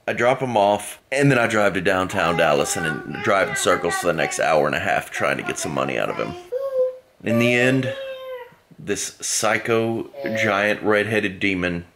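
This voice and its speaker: A man's voice: low-pitched, expressive, a little slow, background noise. A man, telling a rambling, amused story to his camera. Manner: rambling, amused, repeats himself. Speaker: vlogger.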